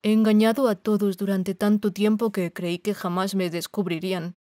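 A woman's voice: mid-range voice, flat delivery, moderate pace, warm tone, no echo, clean studio sound, close to an everyday voice. Woman doing Oz, a shaky little humbug wizard. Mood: humble. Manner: shaky, meek. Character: timid aging little man, humbug wizard.

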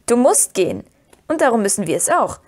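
A woman reading the part of Pippin, a cheeky young male hobbit with a teasing, lively way of talking. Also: fairly high pitch, fairly quick. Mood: insistent.

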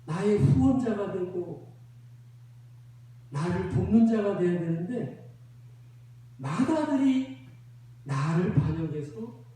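Male pastor, dramatic storytelling sermon, dark warm tone, very echoey church sanctuary. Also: high voice. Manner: slow, dramatic storytelling with rhetorical questions to the congregation. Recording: roomy church echo, voice from a distance.

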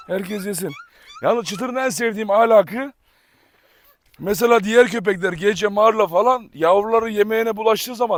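A man with a high-pitched voice hosts a casual vlog as he hands out food to his dogs. He coaxes and praises them fondly and turns to chat with his viewers in between. Faint background noise sits under his voice. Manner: affectionate coaxing talk to dogs, addresses viewers. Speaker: dog owner vlogger.

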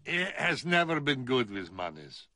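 A man's voice: mid-range voice, very animated, a little slow, sharp tone, faint music behind. An actor playing a scheming male alien mad scientist who speaks in broken grammar with a thick foreign-sounding voice. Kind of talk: cartoon voice acting.

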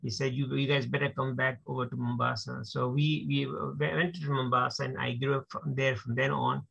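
An older man from Kenya talks through a muffled, lo-fi video call from a small room at home. His voice is deeply gravelly with a middling pitch. He speaks haltingly and often repeats his words. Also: little pitch movement, a bit bright. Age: 60s. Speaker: guest doctor. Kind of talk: conversational interview over video call. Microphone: laptop mic on video call. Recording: dull lo-fi video call audio.

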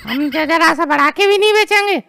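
A woman's voice: very high voice, lively intonation, moderate pace, bright, forceful tone, full character voice. A woman voicing a grumpy, sarcastic male shopkeeper in a cartoon comedy, recorded with noticeable noise. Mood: irritated. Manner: sneering, gruff, sarcastic.

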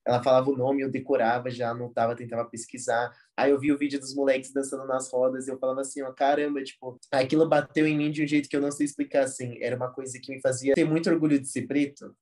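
A young man from Brazil with a Brazilian accent, a dancer telling stories as a guest in a casual interview, relaxed and slangy with many fillers. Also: mid-range voice, quick pace, few pauses. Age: young adult. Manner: relaxed slangy talk full of fillers like "tipo" and "assim".

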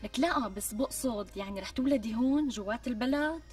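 A woman plays a nosy friend with a Damascene accent who teases and pries. She speaks a little high and brisk. The voice sounds far from the mic, with faint music. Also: darkish tone, close to an everyday voice. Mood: teasing. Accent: Syrian, Damascene. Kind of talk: TV sketch acting.

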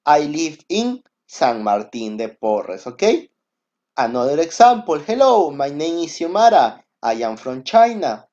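Here the young Peruvian teacher, in his twenties and a native Spanish speaker, takes an unhurried pace, his fairly high, slightly mellow voice swinging widely in pitch. He encourages the schoolchildren with simple, repeated instructions, captured in dull, lo-fi screen-recording audio.

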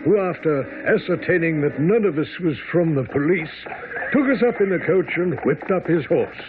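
An actor playing a genial, earnest doctor and detective's companion, narrating and talking in a radio drama. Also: male voice, fairly high pitch, animated, moderate pace, lightly acted. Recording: noisy, narrow old radio broadcast.

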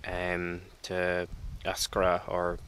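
A man's voice: low voice, monotone, extremely slow, a bit bright, slight background noise. A man in his thirties talking casually to a handheld camera on an outdoor trail, rambling candidly with fillers and restarts. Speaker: hiker vlogger. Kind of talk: casual walking vlog to camera. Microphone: handheld camera at arm's length.

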